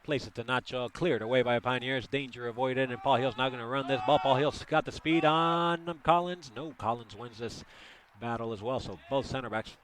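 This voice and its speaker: A man's voice: mid-range voice, moderate pace, few pauses. A man doing live play-by-play commentary, chatty and partisan, joking with listeners as the action unfolds.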